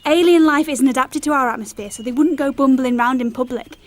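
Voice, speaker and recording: A woman's voice: sits high, a little fast, close to an everyday voice. An actress playing an earnest, self-assured woman in an audio drama, explaining odd beliefs with matter-of-fact certainty. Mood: know-it-all, earnest.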